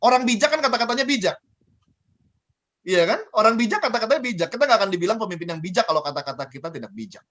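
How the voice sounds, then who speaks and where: A man giving a lively coaching talk on communication, asking and answering his own questions and repeating key phrases. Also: high voice, racing. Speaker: guest speaker on communication.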